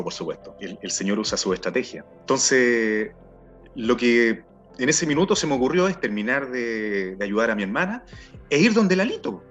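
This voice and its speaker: A middle-aged Chilean man telling his personal testimony in an earnest, halting way, often repeating words as he searches for them. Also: medium pitch, slightly rough. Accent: Chilean Spanish. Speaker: testimony speaker. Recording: dull sound with faint music behind.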